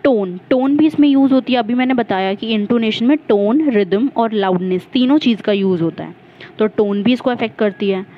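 A woman's voice: fairly high pitch, normal speed, phone-quality sound, a little hiss or hum. A woman teacher walking through exam questions, explaining each term step by step and stopping to correct her own slips. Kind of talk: exam-prep lesson.

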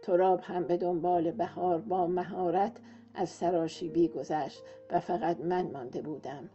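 A woman reads a romance novel aloud in calm, measured scripted narration. Her voice is low and very mellow, and the recording sounds slightly muffled, with soft music playing underneath. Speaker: audiobook narrator.

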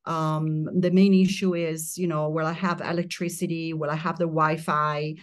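A middle-aged woman from Italy, a guest in an interview, talking calmly and reflectively in long flowing phrases over a remote connection. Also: sits low, moderate pace. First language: Italian. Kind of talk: casual interview chat. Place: remote mountain home, remote interview.

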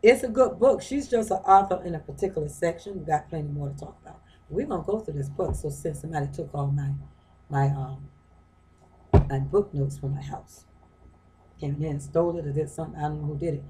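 A woman's voice: low voice, fairly quick, warm tone, a little hiss or hum, poor audio. A woman giving an informal lecture from home, talking through a book in a conversational way, often repeating phrases and asking rhetorical questions. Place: her home.

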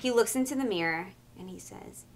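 A woman's voice: medium pitch, a little fast, a little hiss or hum. A woman casually telling a scary story to a friend in a chatty way, full of "like" and "right?", and putting on voices for the characters.

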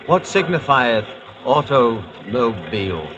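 Grand, theatrical King Arthur, swooping pitch. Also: very animated, takes it slowly, highs cut off. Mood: awed. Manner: stately, theatrical, archaic diction. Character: grand, credulous King Arthur, awed by modern marvels. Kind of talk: 1940s radio acting. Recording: noisy old radio drama recording.

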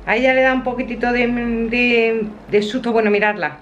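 A woman's voice: on the high side, steady tone, normal speed, dull audio, a little hiss or hum. A woman in her fifties talking casually to a phone camera at home in a home vlog, chatty and affectionate, rambling with fillers. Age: 50s. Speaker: vlogger. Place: at home, indoors.

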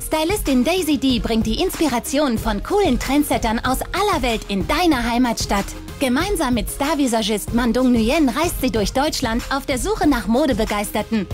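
Woman narrating a fashion show voice-over. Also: high voice. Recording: voice-over with music bed.

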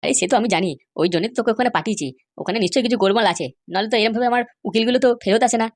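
A woman's voice: on the high side, rapid-fire, no echo, clean studio sound, lightly acted. A woman voicing a pompous older male politician in a cartoon, bossy and self-assured. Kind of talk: cartoon voice acting.

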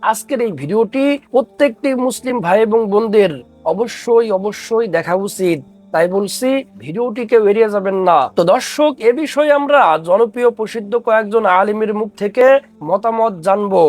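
A man's voice: high-pitched, moderate pace, darkish tone, soft background music. A man hosting an Islamic video channel, formally greeting viewers and urging them to watch closely. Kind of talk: scripted presentation to viewers.

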